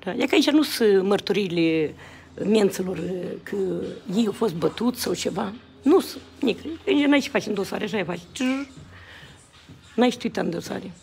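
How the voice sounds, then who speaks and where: Gravelly indignant woman. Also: medium pitch, animated, darkish tone. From Moldova. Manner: outraged, rapid, repetitive, calls to viewers. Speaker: citizen activist filming. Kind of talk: indignant video address to viewers.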